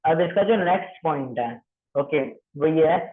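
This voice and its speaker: With lively intonation and a moderate pace, a slightly high-voiced man from Maharashtra coaches trainees on their calling script. He goes over points repeatedly, often confirms they follow, and blends English phrases into his Hindi, captured on tinny, phone-style audio.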